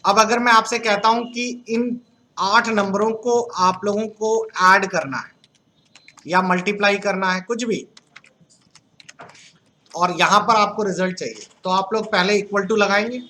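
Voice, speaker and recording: Slight background noise runs under a high, sharp male voice moving at a measured pace. The speaker, from Uttar Pradesh, delivers a computer class lecture in Uttar Pradesh Hindi, questioning students and joking around with them.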